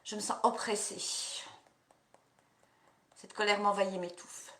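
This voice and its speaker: A woman practitioner leading a guided EFT tapping session, repeating slow affirmations and coaching listeners between phrases. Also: medium pitch, fairly even intonation, bright, forceful tone, echoey room.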